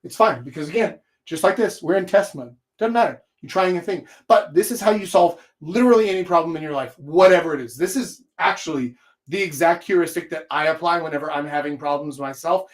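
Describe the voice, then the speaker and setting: A man hosting an informal live coaching talk, speaking emphatically and often checking in with a quick question tag. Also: a little high. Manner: emphatic, checks in with "right?", casual swearing. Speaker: host, dating and life coach.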